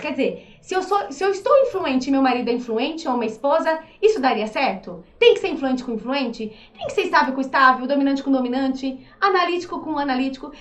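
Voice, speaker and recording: High-voiced Brazilian woman coach, echoey room. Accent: Brazilian Portuguese. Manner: lively, acts out little quoted voices. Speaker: behavioral profile coach. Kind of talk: casual explanatory talk.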